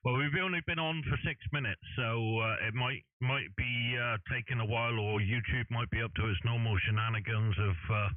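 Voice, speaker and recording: A man's voice: mid-range voice, steady tone, moderate pace, hardly any pauses, no echo, narrow, tinny audio. A man hosting a ham radio chat over a two-way radio, polite and chatty in a hesitant way. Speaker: amateur radio live-stream host. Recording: dry, thin radio-band audio.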